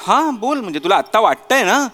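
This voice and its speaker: A man's voice: high-pitched, very animated, brisk, pushed and bright, soft background music, exaggerated voice. A man playing a harried young husband caught between his wife and his mother, exasperated and preachy, with a Marathi accent. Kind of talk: sketch comedy acting.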